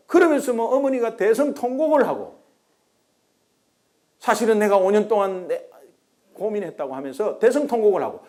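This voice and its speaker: A man's voice: high-pitched, darkish tone. A middle-aged man from Korea preaching a sermon as pastor, telling a story and acting out the voices of the people in it.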